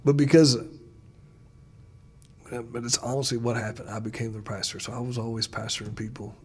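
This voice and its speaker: A man who is a pastor, telling stories in a casual chat and getting animated when he retells dialogue. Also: mid-range voice, normal speed, slight background noise. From United States. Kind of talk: casual conversation, storytelling.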